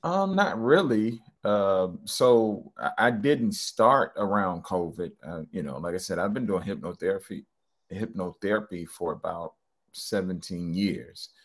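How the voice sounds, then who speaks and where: A man's voice: low voice, lively intonation, unhurried. A middle-aged man, a hypnotherapist being interviewed, talking casually and rambling with lots of ums and restarts. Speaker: hypnotherapist guest.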